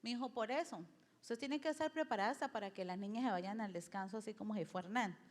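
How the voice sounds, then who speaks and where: A woman's voice: mid-range voice, quick pace. A woman preaching a sermon and telling a personal testimony, earnest and speaking directly to the congregation. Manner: earnest, addresses listeners as brothers. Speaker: lay preacher. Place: church hall. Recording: long hall reverb.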